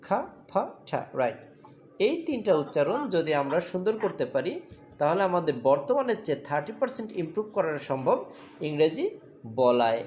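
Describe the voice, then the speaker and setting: A woman from Bangladesh leads a children's English lesson with a slightly low voice. She keeps drilling the class and fires repeated questions at them. A faint ambient hum sits behind her. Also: big pitch swings, a little fast, darkish tone.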